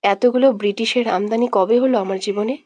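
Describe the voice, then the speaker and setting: A woman's voice: mid-range voice, steady tone, fairly quick, dark tone, dry recording, close to an everyday voice. A woman voicing a hot-tempered, jealous young man in love in an audio romance, scolding and making threats. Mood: exasperated. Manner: scolding, threatening, then teasing.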